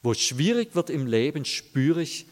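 A man's voice: a little high, very animated, normal speed. A man preaching a sermon, telling a story earnestly and speaking directly to his listeners. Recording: long hall reverb.

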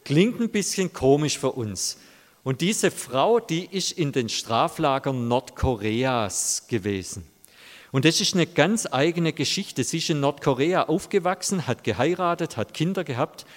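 A man's voice: on the high side, expressive, unhurried. A man preaching a sermon, telling a story earnestly and speaking directly to his listeners. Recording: long hall reverb.

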